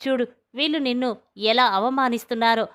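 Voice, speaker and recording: Brief: woman narrator voicing a heated, reproachful young man in a family drama, smooth and fairly high voice. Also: fairly even intonation, a little fast, fairly bright tone, close to an everyday voice. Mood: angry. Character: angry young man defending his mother.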